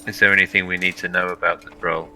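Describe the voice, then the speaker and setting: A man's voice: sits low, little pitch movement, quick pace, sharp tone. A man talking casually as a tabletop game player, tentative and full of questions.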